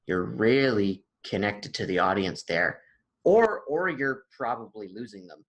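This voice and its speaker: A man with a fairly low voice speaks in an easy, conversational way, musing about his craft. He pokes fun at himself and often restarts his sentences. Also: big pitch swings, measured pace, rough recording. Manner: thoughtful, self-mocking, trails off and restarts. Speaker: actor and improviser, guest. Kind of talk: casual conversation.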